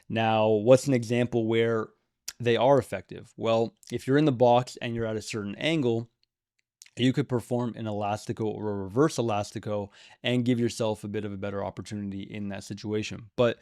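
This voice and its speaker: A man's voice: medium pitch, a little mellow, no room sound, clean studio sound. A man giving opinionated commentary to camera on a video game, emphatic and repeating words for stress. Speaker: gaming video creator.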